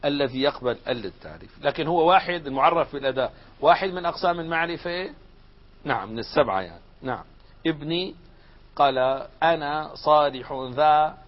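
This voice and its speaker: A man's voice: a little high, animated, fairly quick. A man teaching a grammar lesson, putting questions to his class and answering them himself, shifting between formal and colloquial speech. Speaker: sheikh teaching Arabic grammar. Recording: dull lo-fi lecture recording.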